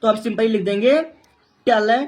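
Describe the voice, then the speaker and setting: A woman's voice: fairly high pitch, fairly even intonation, moderate pace, a little mellow. A woman teaching a translation lesson, explaining each step, asking and answering her own questions, and spelling out words letter by letter. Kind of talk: Hindi-to-English translation lesson.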